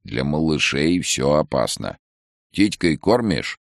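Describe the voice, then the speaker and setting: A man voicing a calm, unhurried old village herbalist. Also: rumbling low, vocal fry, no echo, studio quality, voice pushed up, full character voice. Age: older. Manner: slow, unhurried, folksy.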